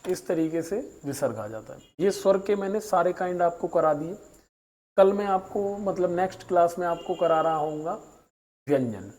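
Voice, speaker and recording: A man's voice: sits high, lively intonation, a little mellow, low-quality recording. A man teaching a grammar class to students, patiently going over each point and stretching out vowel sounds to show them. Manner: patient, explains slowly and drags out vowel sounds as examples; mixes in English words. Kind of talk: recap lesson for students.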